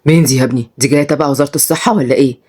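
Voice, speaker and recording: Proud young student son, indignant and fast-talking, as a woman storyteller plays him. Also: very deep voice, a little mellow, slightly rough, voice pushed down. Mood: whispering. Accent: Egyptian Arabic.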